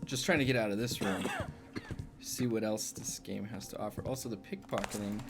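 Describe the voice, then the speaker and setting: A man's voice: on the low side, normal speed, loud music behind the voice. A man giving casual, chatty commentary while playing a video game, self-mocking and swearing now and then. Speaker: let's play gamer.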